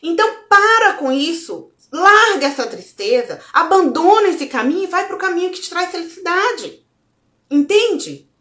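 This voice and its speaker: A woman's voice: very high voice, moderate pace, roomy sound. A Brazilian woman giving a casual motivational talk, speaking expressively and acting out her inner dialogue. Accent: Brazilian Portuguese. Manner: expressive, acts out inner dialogue, addresses viewers as gente. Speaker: self-development speaker.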